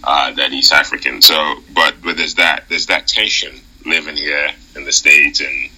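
A man's voice: very deep voice, steady tone, normal speed, bright, forceful tone, breathy edge, low-quality recording. A young man from Nigeria with a slight Nigerian accent, a seminary student speaking thoughtfully as a podcast guest, with hesitant restarts. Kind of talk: casual conversation.

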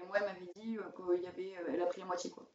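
A young woman giving informal, halting explanations as a student guest in a casual interview. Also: lowish voice, little pitch movement. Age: young adult. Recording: roomy, distant, dull, background chatter.

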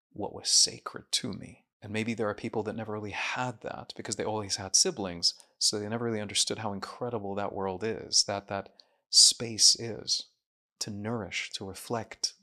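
A man's voice: lowish voice, bright, forceful tone. A man, a guest speaking in an earnest, introspective way, with small restarts. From Saudi Arabia. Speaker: guest, mind researcher and coach. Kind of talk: reflective interview talk.

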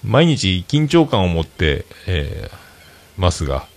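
A man's voice: low-pitched, very animated, takes it slowly. A man hosting a casual solo livestream, rambling through his week in a chatty, self-mocking way. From Fukuoka, Japan. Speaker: livestream host.

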